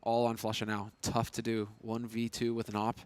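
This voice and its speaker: A man's voice: fairly low pitch, completely flat delivery, moderate pace, slight background noise. A man commentating in short exclamations as an esports caster.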